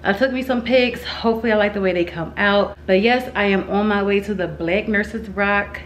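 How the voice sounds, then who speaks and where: A woman vlogger chatting casually to her viewers in slangy, informal speech with drawn-out emphatic words. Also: mid-range voice. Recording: roomy echo, some background noise.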